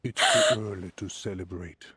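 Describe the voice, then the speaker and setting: A man's voice: low-pitched, steady tone, moderate pace, fairly bright tone, a little hiss or hum. An actor playing a grave, solemn, commanding male admiral in a video game.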